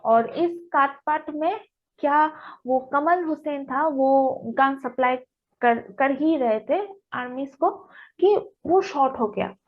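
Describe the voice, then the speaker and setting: Young woman, high voice, chatty news explainer, dull lo-fi sound. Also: takes it slowly. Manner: chatty, frequent "theek hai" check-ins. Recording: dull lo-fi recording.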